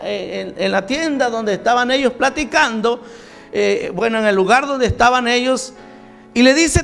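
A man's voice: very high-pitched, vocal fry, fairly bright tone. A male preacher retelling a Bible story in a sermon, asking the congregation questions and acting out the dialogue, with a Mexican Spanish accent. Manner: asks the congregation questions and repeats the answers; acts out the story's dialogue in quoted voices.

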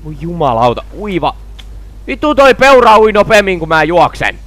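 A man giving excitable let's-play commentary, swearing constantly and yelling at the game. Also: high-pitched, no echo. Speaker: gaming video host.

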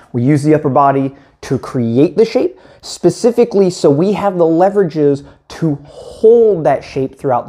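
Paddling coach, man in his 30s, mellow tone, methodical demo, small room. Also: fairly high pitch. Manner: clear, methodical explaining while demonstrating strokes. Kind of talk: instructional demonstration.

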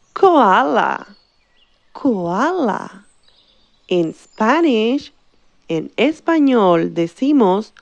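A woman's voice: medium pitch, creaky, highs cut off. A woman teacher giving a bilingual vocabulary lesson for children, drawing out each word for the class to repeat. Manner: slow, drawn-out words for repetition.

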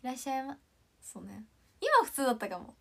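This is a casual morning-stream chat from a young woman in her twenties, based in Ishikawa, Japan. Her unwarmed voice strains on higher notes, and she muses aloud before trailing off gently. Her pitch swoops wildly, she talks fairly fast, and there's audible vocal fry.

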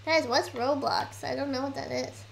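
A woman's voice: high-pitched, steady tone, normal speed, gravelly, noisy background. A young woman chatting casually on a livestream, rambling and eating as she talks.

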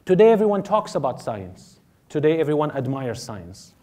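A man giving a live religious seminar talk to an audience, animated and fond of mimicking doubters in exaggerated tones. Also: on the high side, normal speed. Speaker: religious lecturer.

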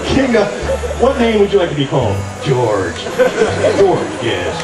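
Exasperated middle aged guy hosting a comedy act, voice jumps around, loud crowd. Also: fairly high pitch, huge pitch swings, a little slow, distant mic. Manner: exasperated straight man. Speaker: comedy ventriloquist. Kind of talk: live stage comedy patter. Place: outdoor festival stage. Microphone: stand microphone. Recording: echoey live stage PA, loud crowd, music.

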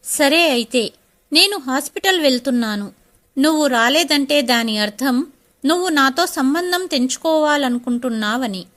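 A woman's voice: high-pitched, lively intonation, normal speed, a bit bright. A woman voicing a stubborn, upset young wife in a storybook reading.

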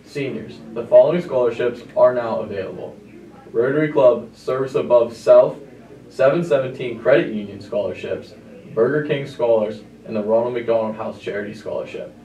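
A man reading morning school announcements as a student announcer in a brisk, matter-of-fact way, heard through a loudspeaker. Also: mid-range voice, echoey room, recorded from a distance, lo-fi sound.

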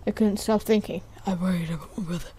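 A woman's voice: lowish voice, fast talker, mellow, slight background noise, voice pushed down, natural voice. Woman reading as a frightened survivor's note. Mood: somber.

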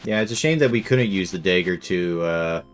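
A man hosting a casual let's play, joking around with a co-player. His voice sits low, and he fills pauses with lots of "uh" and laughs. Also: faint music behind. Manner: joking, filler-heavy, laughing often. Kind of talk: casual gaming commentary.

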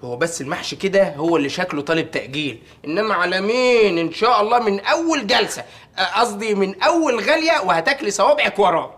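A man's voice: sits high, expressive, quick pace, a bit bright. An actor playing an earnest, naive young Egyptian lawyer talking with his mother in a playful, rambling way. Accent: Egyptian Arabic. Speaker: lawyer, son.

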